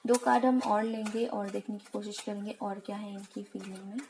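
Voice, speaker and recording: A woman's voice: mid-range voice, fairly even intonation, a little fast, darkish tone, slight background noise, rough recording. A woman giving a casual tarot reading, chatty and reassuring, mixing English words into her speech. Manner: chatty, reassuring, mixes English into Hindi, often says "okay". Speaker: tarot card reader.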